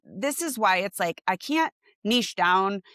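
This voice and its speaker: A woman in her forties, a portrait photographer, talking in a casual interview and lively acting out her clients' excited reactions. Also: medium pitch, takes it slowly, no room sound, clean studio sound.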